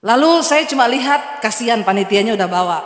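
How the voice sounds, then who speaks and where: A middle-aged woman pastor from Indonesia preaching a sermon, lively storytelling with humor and acted dialogue. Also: fairly high pitch, fairly quick. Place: large church hall. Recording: echoey hall reverb.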